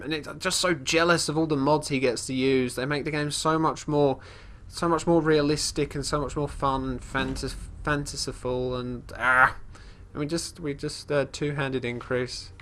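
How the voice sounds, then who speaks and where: A congested man with a medium-pitched, slightly bright voice chats casually while playing a fantasy game as a let's play host. Rambling, he frequently restarts sentences as he recounts his character's actions. He speaks of that character in third person throughout this gameplay commentary.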